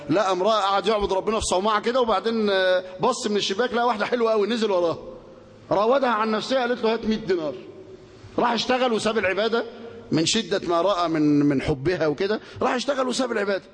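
A man with an Egyptian Arabic accent teaches a colloquial religious lesson, reciting scripture and putting rhetorical questions to his listeners. He's animated, with a high voice and rapid-fire delivery, and the recording carries a long hall reverb.

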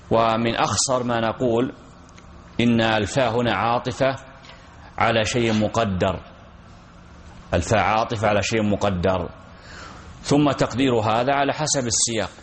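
Man teaching slowly, repeating key phrases. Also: medium pitch. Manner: repeats key phrases, asks and answers his own questions. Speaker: teacher explaining a text. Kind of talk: classroom lesson on Quranic commentary.

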